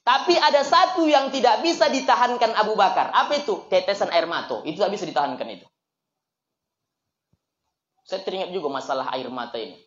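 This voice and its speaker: A man's voice: on the high side, a bit bright. A man, giving a chatty, joking religious talk and asking the audience questions. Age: 20s. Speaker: preacher. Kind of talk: casual religious talk to young people. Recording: echoey room, dull lo-fi sound.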